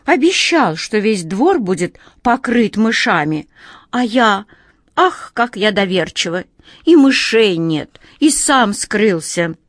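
A woman's voice: medium pitch, big pitch swings, slow pace, no room sound, studio quality. A woman voicing a vain, sly grown she-cat in a storybook reading, purring and drawn out. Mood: hurt.

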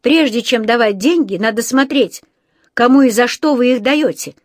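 A woman's voice: mid-range voice, sing-song, normal speed, husky, no echo, clean studio sound. A woman doing a grumbling defensive father. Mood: indignant. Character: indignant middle-aged father. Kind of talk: storybook reading.

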